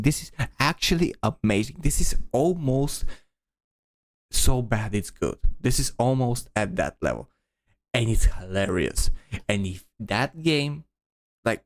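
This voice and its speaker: Slow-talking man rambling on a stream. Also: mid-range voice, vocal fry. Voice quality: rambling, repeats words and restarts, laughs often. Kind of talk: casual livestream commentary.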